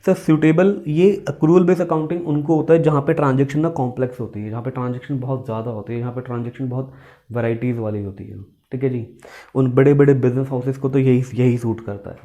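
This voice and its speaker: Fairly quick and mellow, the mid-range voice of this accountancy teacher keeps a fairly even intonation. Lecturing as in class, he asks questions and repeats essential points, speaking Hindi mixed with English terms and addressing students as "beta."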